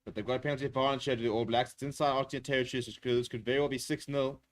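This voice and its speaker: Guy doing fast live rugby commentary on a watchalong stream, lots of uh's, gets hyped on the big plays. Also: mid-range voice. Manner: rapid, excitable play-by-play with filler words.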